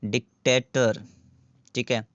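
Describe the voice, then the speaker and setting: A man with a Punjabi accent, a teacher going through an exam paper, reading each question out slowly and explaining the answers in a local language mix. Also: medium pitch, flat delivery, fairly bright tone, no room sound, muffled recording. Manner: reads questions in English slowly, explains in Punjabi, repeats "theek hai" often. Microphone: phone with clip-on mic.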